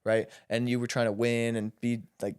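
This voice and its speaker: A man's voice: medium pitch, level tone, normal speed, darkish tone, clear, resonant tone. A young man in casual conversation as a guest, telling blunt stories with laughs and lots of fillers. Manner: blunt, laughing, rambling storyteller. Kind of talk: casual chat.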